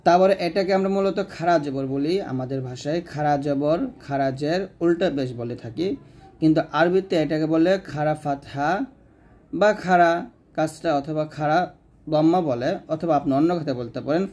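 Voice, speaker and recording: A man teaching Quran reading step by step, asking and answering his own questions and slowing down to model each letter sound. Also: a little high, a little mellow. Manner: repeats key terms, asks and answers own questions. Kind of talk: step-by-step lesson.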